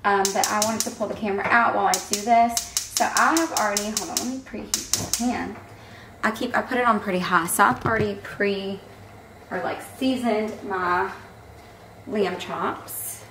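A young Southern woman talks straight to camera in a chatty, storytelling way, with lots of "like" and "girl". Her voice sits at a middle pitch, and the car recording behind her carries clear noise. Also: steady tone, moderate pace. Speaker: vlogger. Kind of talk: casual chat to camera. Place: car, then home kitchen.

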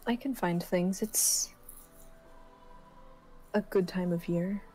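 A laid-back woman player in a casual tabletop session, speaking unhurriedly. Her tone is mellow and soft-edged, and she breaks into laughter often. Faint music plays behind her. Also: lowish voice, takes it slowly, low-quality recording. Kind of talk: casual tabletop game chat.

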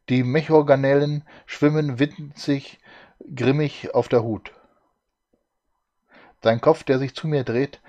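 A man reads a novel aloud in a calm, measured storytelling way. His voice sits at a middle pitch. The recording sounds dull and lo-fi. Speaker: reader.

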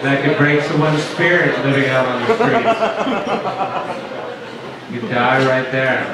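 A man in his thirties doing a stand-up set in a dark pub on a handheld mic, with slow, deadpan joke delivery and asides to the crowd. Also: medium pitch. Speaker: stand-up comedian. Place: dark small pub stage with audience. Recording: echoey pub heard from far off. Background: audience chatter and laughter.

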